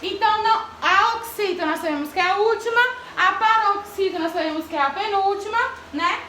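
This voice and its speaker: A woman's voice: very high-pitched, fairly quick, bright, forceful tone, slight background noise. A woman teacher giving a grammar lesson to children, asking the class questions and calling on pupils by name. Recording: echoey classroom from far off.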